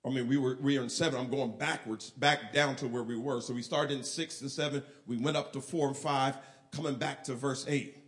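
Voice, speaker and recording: A male pastor preaching a sermon, shifting from quiet, low asides to shouted and half-sung lines. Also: fairly even intonation, a little fast.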